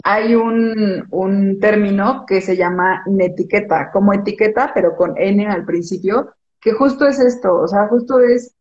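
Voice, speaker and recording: A woman's voice: mid-range voice, a little slow, darkish tone. Mexican woman image consultant, chatty, lots of examples, echoey muffled call audio. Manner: chatty, explains with everyday examples. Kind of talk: casual interview chat.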